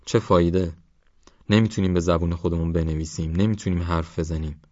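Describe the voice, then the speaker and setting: A proud, short-tempered village schoolteacher lectures fervently about his people, voiced by a man reading an audiobook. The voice sits low and the sound is dry and slightly dull. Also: fairly even intonation, mellow, no room sound, natural voice.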